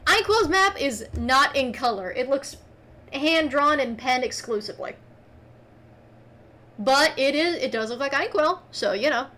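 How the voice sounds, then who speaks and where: A woman running a tabletop game as game master, narrating scenes in an animated, descriptive way. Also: high-pitched, a little slow.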